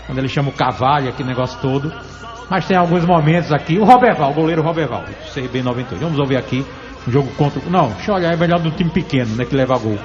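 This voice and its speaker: Man, Alagoas accent, radio host, chatty, storytelling, dull sound, long reverb, soft music. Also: fairly high pitch, expressive, rapid-fire. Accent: Alagoas Brazilian. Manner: chatty, storytelling, laughs often. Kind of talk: conversational interview.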